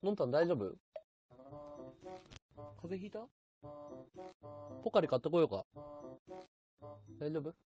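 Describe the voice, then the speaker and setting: A man from Chiba chatting casually on his live stream, answering viewer comments in a relaxed, chatty way. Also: fairly high pitch, unhurried, pauses often, soft background music. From Chiba, Japan. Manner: relaxed, chatty, talks back to chat comments.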